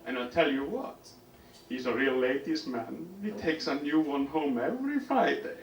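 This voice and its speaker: A man's voice: medium pitch, animated, moderate pace, a little hiss or hum, lightly acted. A man voicing a chatty elderly woman who confides gossip. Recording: roomy live venue, distant mic.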